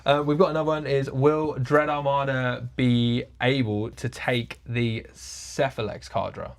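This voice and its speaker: A man hosting a relaxed livestream chat, his voice carrying a gravelly rasp. He reads audience questions aloud with an upbeat, amused manner. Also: mid-range voice, a little slow, slight background noise. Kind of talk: casual chat.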